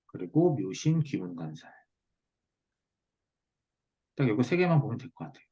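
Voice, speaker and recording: Over an online video call, a man teaches Korean saju fortune-telling one-on-one, explaining step by step and checking comprehension with short tag questions. His lowish voice is warm, slightly rough, and very animated at a normal speed. The call audio sounds muffled and lo-fi.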